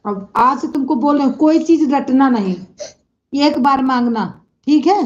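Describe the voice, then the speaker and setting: A woman's voice: high voice, normal speed, darkish tone, muffled recording. A woman hosting a casual live stream, chatting with viewers and scolding and soothing children in between.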